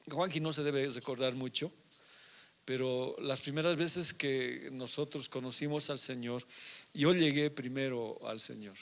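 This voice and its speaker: A man's voice: mid-range voice, vocal fry, a bit bright, slight background noise. A middle-aged male pastor giving a conversational sermon, often checking in with his listeners through short tag questions.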